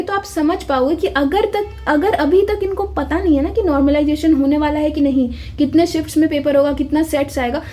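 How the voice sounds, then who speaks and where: A woman with a high, mellow voice gives viewers a casual but insistent update about exams. She keeps calling them "bhai" and checking in with "theek hai."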